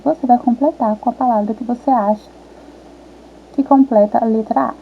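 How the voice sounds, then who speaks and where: A woman primary school teacher, patiently walking young children through a worksheet and sounding out syllables slowly. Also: fairly high pitch, fairly even intonation, a little hiss or hum. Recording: tinny phone-quality audio.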